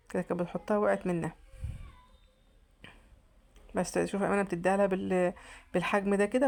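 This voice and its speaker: A woman's voice: medium pitch, a little mellow. A woman with an Egyptian accent, narrating her home cooking in a chatty, casual way and often restarting her sentences. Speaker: vlogger.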